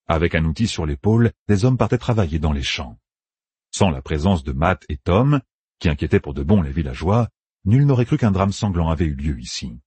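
A man narrating a fantasy audiobook with expressive storytelling. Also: low-pitched, fairly quick, breathy edge, dry recording. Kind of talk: scripted narration.

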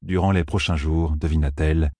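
Deep, husky male audiobook narrator. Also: fairly even intonation, a little fast, warm tone, no room sound, studio quality. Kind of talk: scripted fantasy narration.

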